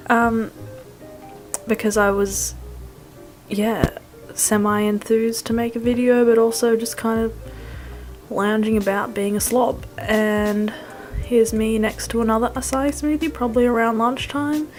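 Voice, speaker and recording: A woman's voice: a little high, fairly even intonation, unhurried, darkish tone. A young woman doing a casual vlog voice-over in a rambling, wry, self-deprecating way with slangy phrasing. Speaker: food vlogger. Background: music.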